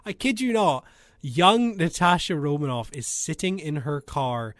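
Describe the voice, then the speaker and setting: A man co-hosting a radio film podcast, talking in an animated, exasperated way about what he watched. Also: on the high side, unhurried, no echo. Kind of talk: casual film review chat. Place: radio studio.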